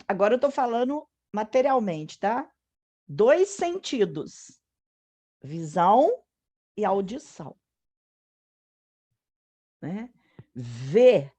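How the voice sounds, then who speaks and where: A woman's voice: medium pitch, warm tone. A woman from Brazil in a group study, reflecting on scripture and explaining word meanings patiently.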